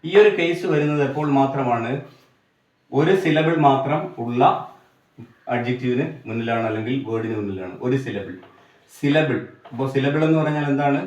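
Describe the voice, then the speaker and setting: A man's voice: mid-range voice, a little mellow, recorded from a distance. Man, Malayali accent, grammar teacher, poses and answers his own questions, sits back from the mic, roomy room sound. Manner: slows right down to spell out English examples. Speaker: English teacher. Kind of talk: grammar lesson for exam students.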